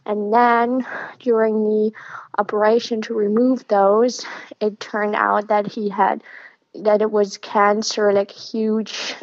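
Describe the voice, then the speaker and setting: A young woman calling in to a radio show over a phone line, talking in a halting, hesitant way. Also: medium pitch, flat delivery, no echo. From Germany. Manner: halting, hesitant, soft-spoken. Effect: call-in phone line. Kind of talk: casual call-in conversation.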